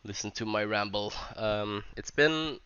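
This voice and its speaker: Stuffy Swedish man with a deep, bright voice. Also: clean tone, no echo, lo-fi sound. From Sweden. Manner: halting, hesitant delivery with many restarts. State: stuffy from a cold. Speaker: tournament organizer. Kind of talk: scripted vlog ramble.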